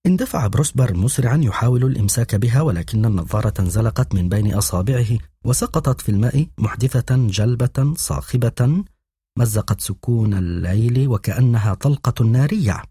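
Male audiobook narrator, very husky and dark, dry close sound, measured reading. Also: mid-range voice, lively intonation, no echo. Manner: measured storytelling. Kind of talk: scripted narration.

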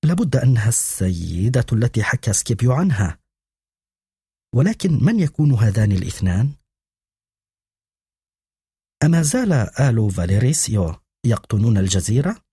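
Male audiobook narrator, very husky and dark, dry close sound, measured reading. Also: medium pitch, very animated, no echo. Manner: measured storytelling. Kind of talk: scripted narration.

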